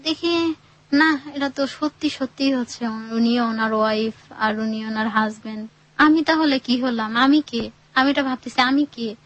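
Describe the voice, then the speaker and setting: A woman's voice: on the high side, normal speed, a bit bright. A young woman, telling her life story to a radio host in a rambling way and acting out the voices of her relatives. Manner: rambling, acts out quoted relatives. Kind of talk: emotional personal storytelling.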